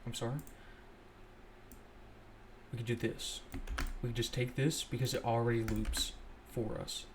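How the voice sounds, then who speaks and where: A young man at his computer talks through code in a loose, thinking-out-loud way, pausing to correct himself. His voice sits at an ordinary pitch for a man. Faint noise and keyboard clicks run beneath it. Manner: relaxed, thinks aloud, self-correcting. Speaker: scripting tutorial host. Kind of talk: casual screen-recorded coding walkthrough.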